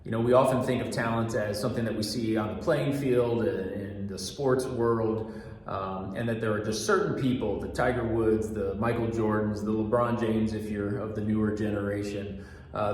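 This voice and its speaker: A middle-aged man, a restaurant manager, giving a staff orientation talk through a mask in a steady, fairly monotone, earnest way. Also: on the low side. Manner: talks through a mask, patient and repetitive. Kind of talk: training talk. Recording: very echoey room with long reverb.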